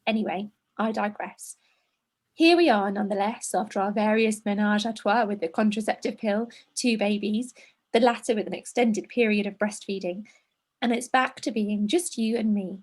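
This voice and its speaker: A woman's voice: medium pitch, normal speed, husky. A woman co-hosting a podcast, chatting and reading aloud a listener's letter, emotional and laughing through tears. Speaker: podcast co-host. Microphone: video call.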